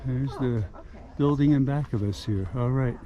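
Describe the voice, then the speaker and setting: A man's voice: medium pitch, moderate pace, lo-fi sound, over a noisy crowd. A man chatting casually to camera as a travel vlogger, rambling and offhand. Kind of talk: casual vlog chat.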